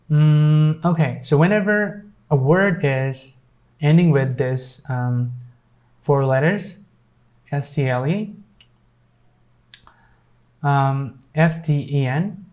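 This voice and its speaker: A man teaching an English pronunciation lesson over his screen, pausing often with ums and repeating each example sentence slowly. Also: fairly high pitch, darkish tone. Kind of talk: casual screen-share lesson.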